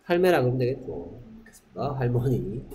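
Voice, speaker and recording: A man teaching an English class, drilling pronunciation and quizzing students with quick rhetorical questions. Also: medium pitch, very animated, dark tone. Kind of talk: classroom lecture. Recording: echoey classroom, faint noise.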